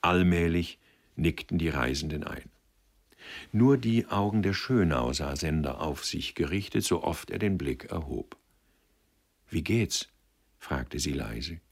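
A man narrating a literary audiobook in a measured, expressive storytelling manner. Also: deep voice.

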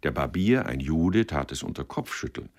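A man reading a novel aloud on the radio in an expressive storytelling manner. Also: a bass voice, normal speed. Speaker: reader.

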